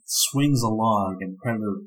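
Male podcast host, husky, lowish voice, eager and chatty. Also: a little slow, rough recording. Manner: enthusiastic, chatty, laughs often. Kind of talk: casual podcast chat about a movie.

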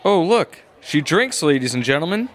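A man's voice: fairly high pitch, very animated, normal speed, a little hiss or hum. A man playing a sarcastic, bickering male detective in an amateur audio drama. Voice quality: sarcastic, needling.

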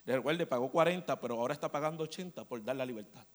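A man's voice: mid-range voice, very fast. A man preaching a storytelling sermon in a church, often checking in with the congregation. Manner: animated storyteller, asks the congregation "¿verdad?". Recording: long church hall reverb.

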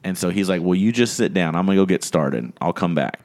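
Fast and low-voiced, a podcast host tells a long anecdote in casual chat. He's an animated storyteller who acts out the voices of the people he quotes.

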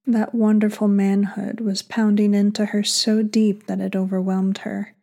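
A woman author reading her erotic story aloud slowly and sultrily, sometimes dropping into a breathy whisper. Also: medium pitch, level tone, dark tone. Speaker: author and co-host.

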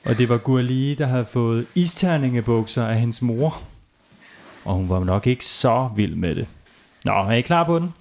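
Playful man telling children's stories. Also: mid-range voice. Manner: animated, laughs at own jokes. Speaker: children's story narrator.

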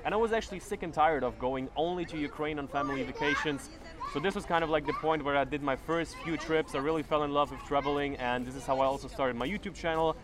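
A young man, talking as an interview guest in a relaxed, chatty way full of fillers. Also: on the high side, quick pace. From Germany. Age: 20s. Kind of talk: casual conversational interview.

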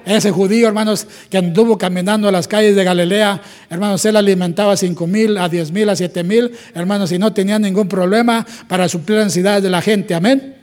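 Give me a Mexican Spanish pastor preaching in a high voice, punctuating his sermon with repeated calls to the congregation. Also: steady tone, brisk, few pauses, a little mellow. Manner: repetitive, calls "hermanos" and "amén" often.

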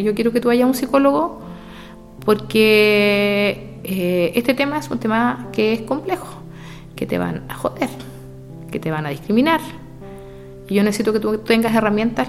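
Gravelly Chilean woman telling her story. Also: mid-range voice. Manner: emotional, retells dialogue at length. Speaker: interviewee. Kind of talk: personal storytelling. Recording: clear music playing behind.

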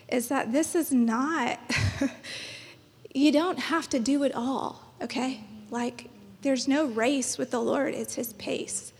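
Woman, 30s, high breathy voice, chatty encouraging panelist, long hall reverb. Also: a little mellow. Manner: chatty, encouraging, laughs often. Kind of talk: church panel talk.

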